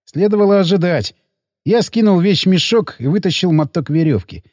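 A man narrating an audiobook in a gruff, coarse first-person voice. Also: high-pitched, normal speed, darkish tone, dry recording, clean studio sound.

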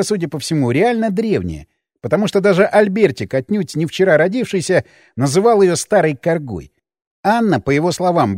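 Мужской голос, рассказ от первого лица, резкий циничный тон, довольно высокий голос. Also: male voice, high voice, a little mellow, dry recording, clean studio sound. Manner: cool, cynical and blunt in dialogue. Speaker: audiobook narrator. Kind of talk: first-person scripted narration.

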